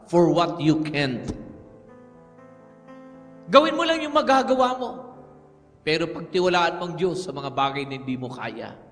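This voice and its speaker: A man with a Filipino accent preaching a sermon as pastor, moving between Tagalog and English with emphatic, measured delivery. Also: fairly high pitch. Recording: music under a long hall reverb.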